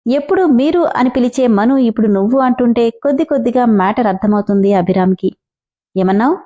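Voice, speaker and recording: A woman storyteller reading a serialized drama aloud in a steady, dramatic way. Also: on the high side, fairly quick.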